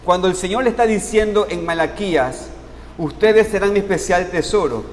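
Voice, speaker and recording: A pastor with a high male voice delivers a sermon in a church sanctuary, recorded with long hall reverb and faint noise. He poses questions to the congregation and answers them himself, slowing down to stress key words.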